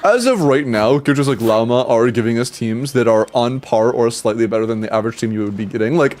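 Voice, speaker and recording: Fast-talking, with a mid-range voice and darkish tone, a young man streams a game and chats casually with viewers. He sounds congested and stuffy, rambles and restarts, and drops casual swears and laughs.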